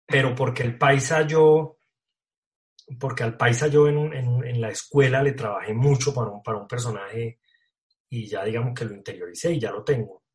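Male actor, relaxed interview chatter, slangy, lots of restarts. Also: mid-range voice, moderate pace. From Colombia. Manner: casual, slangy, many fillers and restarts. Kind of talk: casual interview talk.

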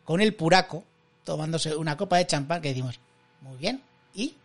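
Gravelly-voiced Spanish man, joking co-host. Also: fairly high pitch, animated, moderate pace. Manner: jokey, ironic asides. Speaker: podcast co-host. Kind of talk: casual wrestling commentary chat.

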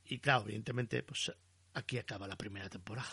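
A man, co-hosting a casual chat and retelling a story with animated storytelling. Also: on the low side, quick pace, gravelly, husky. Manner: animated storytelling, acting out quotes.

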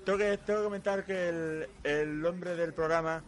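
A man co-hosting a relaxed podcast. His voice sits fairly high, and he is playful, leaning into a rolled R. He keeps it chatty and loose. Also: moderate pace, over music. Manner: playful, rolls his R on purpose. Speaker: podcast co-host. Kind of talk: casual podcast chat.

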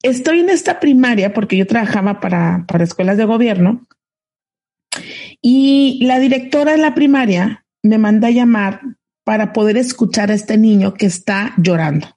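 Mexican woman, co-host, mellow tone, chatty storyteller who restarts often. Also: mid-range voice, moderate pace. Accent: Mexican Spanish. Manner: animated anecdote telling with restarts. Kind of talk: casual storytelling chat. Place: remote call from home.

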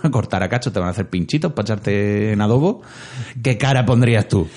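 Man, low-pitched, husky, jokey dramatic storytelling. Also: fast, a little mellow. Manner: jokey, dramatic retelling, acts out lines. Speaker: storyteller retelling a plot. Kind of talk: casual chat.

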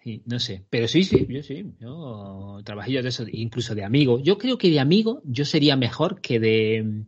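A man of middle pitch chats casually and jokes, playing out imagined back-and-forth lines. The audio is slightly dull. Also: lively intonation, moderate pace, husky. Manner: jokey, acts out imagined dialogue. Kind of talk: casual chat.

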